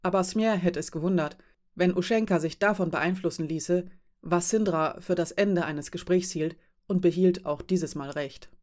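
A woman narrating a fantasy story as an audiobook reader, in an even, measured way. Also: on the low side.

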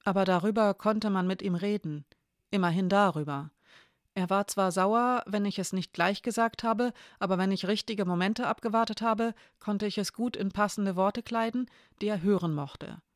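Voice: mid-range voice, normal speed, no room sound, studio quality, natural voice. A storyteller voicing a candid, tender adult partner in a plain, conversational way.

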